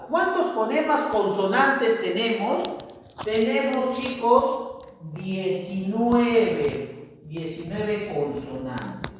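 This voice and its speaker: A man's voice: high voice, a little hiss or hum. A man teaching a classroom lecture to students, who keeps checking in with tag questions. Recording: echoey room, far from mic.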